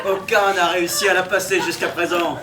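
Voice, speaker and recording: A man's voice: high-pitched, fairly even intonation, a little fast, noisy background, lightly acted. A man on an improv stage playing a gleeful, grandiose announcer in a hammy theatrical manner. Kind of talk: live improv comedy. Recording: roomy stage from far off, music.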